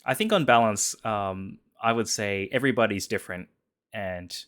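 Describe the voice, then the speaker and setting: A man's voice: fairly low pitch, normal speed, fairly bright tone. A man hosting a casual live stream chat, often repeating and restarting his words as he talks. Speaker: stream host.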